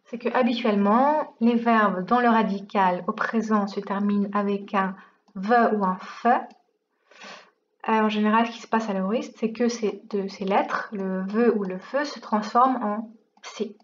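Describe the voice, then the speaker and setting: A woman's voice: mid-range voice, fairly even intonation, unhurried, lo-fi sound, a little hiss or hum. A woman teaching a language lesson in a casual, chatty way, explaining step by step and asking herself rhetorical questions.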